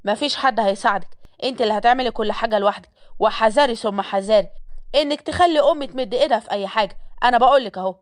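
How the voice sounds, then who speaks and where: Woman doing a strict egyptian boss guy, bossy and cold, rattles it off fast. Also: fairly high pitch, natural voice. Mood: commanding. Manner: commanding, scolding. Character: stern, harsh young male boss.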